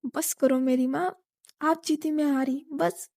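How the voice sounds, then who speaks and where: A woman's voice: high-pitched, steady tone, takes it slowly, gravelly, darkish tone, dry recording, clean studio sound, heavily acted. A woman voicing a playful younger sister who teases her elder sister. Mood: teasing. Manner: teasing.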